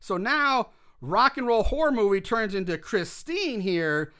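A man's voice: sits high, big pitch swings, unhurried, bright, forceful tone, smooth. A man co-hosting a casual podcast, recapping a movie scene by scene, chatty and swearing, with frequent laughs.

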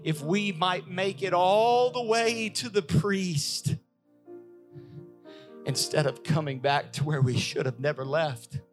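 Pastor guy preaching slow and emphatic, kinda high voice, quiet music under him. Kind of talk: sermon.

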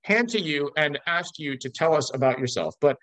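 A man's voice: on the high side, animated, normal speed, a bit bright, no echo, low-quality recording. An American man from Los Angeles hosting a casual interview, talking in an expansive, emphatic way. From Los Angeles, USA. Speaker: interview host.

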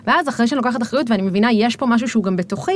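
A woman guest on a podcast, talking casually and reflectively, with many fillers as she thinks aloud. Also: a little high.

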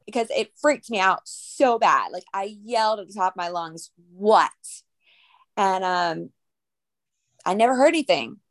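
Gravelly-voiced woman telling a chatty story. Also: mid-range voice, animated, normal speed, no echo. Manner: chatty storytelling with fillers and laughs. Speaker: podcast co-host. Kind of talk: casual chat.

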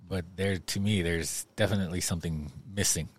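Low-voiced man in casual podcast talk. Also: steady tone, a little fast, no room sound. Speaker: podcast host running the playback. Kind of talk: casual discussion.

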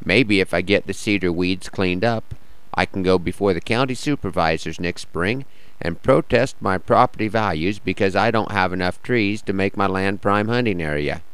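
Deep, slightly croaky American cowboy storyteller, man. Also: moderate pace, fairly bright tone, dry recording, poor audio. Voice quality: a little rough and croaky. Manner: wry, understated storytelling. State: hoarse, worn-out morning voice. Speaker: radio show host. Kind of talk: scripted folksy monologue with cowboy poetry.

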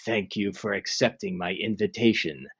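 A man voicing a grave, calculating undead lich ruler for a tabletop game, speaking in measured, stately phrases. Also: fairly low pitch, gravelly, a bit bright, slightly rough, highs cut off, voice pushed down, full character voice.

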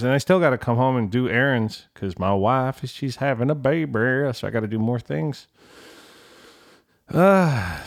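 A man's voice: mid-range voice, dry recording, clean studio sound. A middle-aged man hosting a casual solo podcast from a home room, talking in a colloquial, mildly salty way, rambling and often doubling back on his own words. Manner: rambling, self-interrupting, repeats words. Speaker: podcast host, musician. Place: untreated home room with bare walls and carpet.

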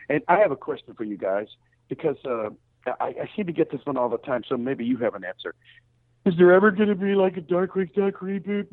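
A man's voice: mid-range voice, dry recording. Man leaving a jokey phone voicemail. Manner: casual and joking. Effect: leaving a voicemail over the phone. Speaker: caller. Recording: tinny dry phone line.

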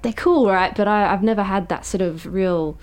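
A woman's voice: medium pitch, moderate pace, a little mellow, clear, resonant tone. A curious, inquisitive woman hosting a casual live science chat show from a radio studio.

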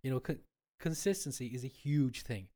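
A man's voice: medium pitch, lively intonation, moderate pace, dark tone. Congested Cork Irishman, stuffy with a cold. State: has a cold. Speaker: cook and cookery class instructor, guest. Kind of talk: casual conversational interview.

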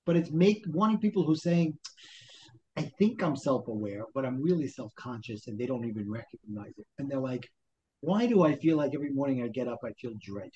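A Brooklyn-born life coach explains his ideas in a podcast interview, his medium-pitched, warm voice expressive and a little quick, with a Brooklyn accent. He poses questions and plays out people's inner voices to motivate, though the audio sounds dull.

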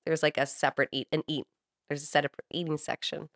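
An American woman, born in Saudi Arabia and raised by a US family on a compound, co-hosts a podcast and tells personal stories in a casual, candid way, swearing now and then. Her voice is low and flat, and she talks fast. The recording is studio quality with no room sound.

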